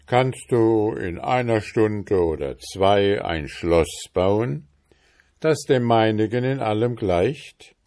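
A man voicing a scheming old king in a storybook reading, speaking in a measured, commanding way. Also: lowish voice, lively intonation, darkish tone.

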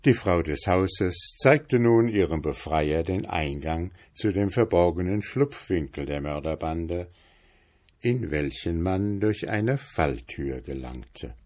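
A man reading a fairy tale aloud in a measured, dramatic storytelling manner. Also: deep voice, expressive, darkish tone.

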